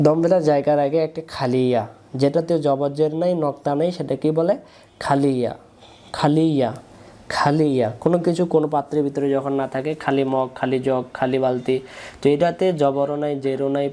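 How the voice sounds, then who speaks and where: A man's voice: medium pitch, a little mellow. A man with a Bangladeshi Bengali accent teaching Quran recitation rules, patiently drilling syllables and asking his pupils to repeat after him. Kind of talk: spoken lesson with call-and-repeat drills.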